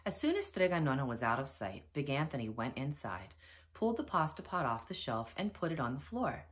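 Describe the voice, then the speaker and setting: A teacher reading a children's picture book aloud, with expressive storytelling. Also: female voice, extremely low pitch, brisk. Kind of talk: children's read-aloud narration.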